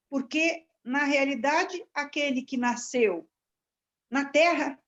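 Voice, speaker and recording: A woman with a high voice works through a Bible passage in a study class, with many pauses and restarts. The sound is dull and lo-fi. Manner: searching, halting delivery with restarts. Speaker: class participant.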